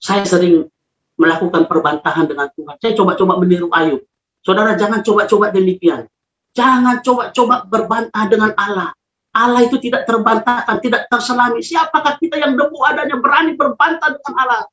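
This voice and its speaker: Male pastor, emphatic sermon, dramatic storytelling, high voice, echoey dull recording. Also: fairly even intonation, brisk, bright, forceful tone. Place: his own room.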